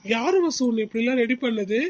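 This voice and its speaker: A man voicing a fair-minded father who calmly reasons and lectures his family. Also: very high voice, fairly quick, heavy background noise, voice pushed up. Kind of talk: cartoon voice acting.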